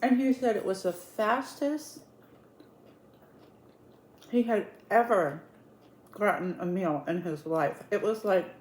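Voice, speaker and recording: A woman's voice: mid-range voice, takes it slowly, long pauses, a little mellow. A woman telling a story in a casual, conversational way, dramatically retelling who said what and repeating words for emphasis. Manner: dramatic retelling, acting out quoted dialogue. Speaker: online storyteller in an eat-with-me video. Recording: roomy echo with clear background noise.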